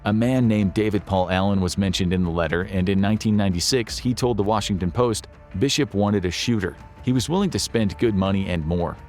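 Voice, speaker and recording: A man reading a scripted documentary narration in a steady, measured storytelling way, posing dramatic questions as he goes. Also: lowish voice, faint music behind.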